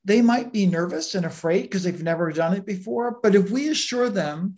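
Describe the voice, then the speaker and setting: A Bible teacher giving a conversational sermon, relaxed and full of everyday asides and stories. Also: mid-range voice, normal speed. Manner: relaxed, anecdotal, with many asides.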